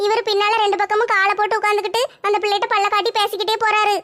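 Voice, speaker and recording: A woman's voice: very high-pitched, little pitch movement, racing, a bit bright. A woman voicing an anxious, heartbroken young village wife, complaining plaintively.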